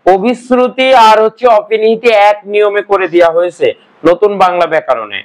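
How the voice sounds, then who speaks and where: High-voiced man quizzing a class. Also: sing-song, a little fast, low-quality recording. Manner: quizzing students with repeated questions. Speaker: Bengali grammar teacher. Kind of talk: classroom lecture.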